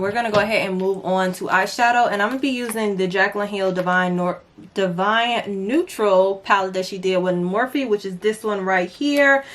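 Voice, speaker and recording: A woman's voice: mid-range voice, fairly bright tone. A young woman talking through a makeup tutorial in a casual, chatty way, with playful asides to her viewers. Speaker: beauty vlogger.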